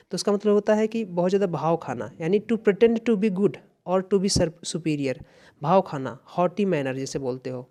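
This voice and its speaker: Mellow-voiced Indian teacher. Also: male voice, on the high side. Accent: Indian English. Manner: explains step by step, repeats key phrases. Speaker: English teacher. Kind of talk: exam-prep lesson.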